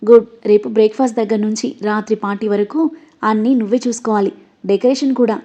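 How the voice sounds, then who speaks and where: A woman's voice: medium pitch, steady tone, fast talker, dark tone, lightly acted. A woman reading the lines of a playful, teasing young man in a story. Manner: playful, coaxing. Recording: dull lo-fi audio.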